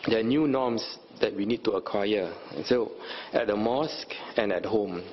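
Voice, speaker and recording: A man with a low voice explains things in an interview, pausing and restarting hesitantly. The sound is slightly muffled, and faint noise sits behind him.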